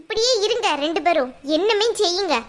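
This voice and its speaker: Woman doing a sharp, scolding cartoon mother-in-law. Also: very high-pitched, expressive, brisk. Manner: scolding and commanding. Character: harsh scolding middle-aged mother-in-law. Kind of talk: cartoon voice acting.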